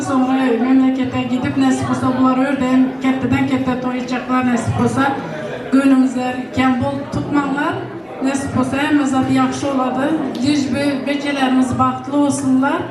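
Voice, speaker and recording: Very echoey, even-toned woman giving wedding blessings. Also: sits high. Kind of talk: informal blessing speech at a wedding. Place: wedding celebration venue. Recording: very echoey hall, far-off, crowd noise. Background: crowd of guests.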